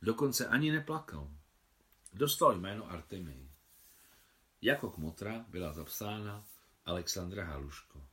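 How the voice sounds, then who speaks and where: A man, the translator, reading his own translation of a novel aloud in an expressive way. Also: long pauses. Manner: expressive reading with wide pitch swings.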